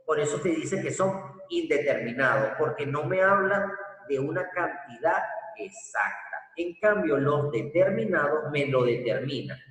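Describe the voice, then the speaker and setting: A man teaches grammar slowly and deliberately, putting questions to his listeners and answering them himself. His voice sits a little high. He is recorded from a distance in a room with a long, echoing reverb. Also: lively intonation, a bit bright. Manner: slow, deliberate explaining with rhetorical questions. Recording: echoey room from far off.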